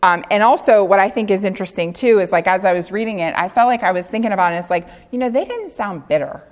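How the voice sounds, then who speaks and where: A woman giving an informal Bible teaching, chatty and earnest, laughing often and swinging between animated and hushed. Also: medium pitch, quick pace, long reverb tail.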